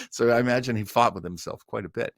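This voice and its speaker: A middle-aged or older man with a mid-range voice hosts a live online listening party, chatting casually and eagerly like a devoted fan as he introduces a radio cast. The recording is clean studio sound with no echo.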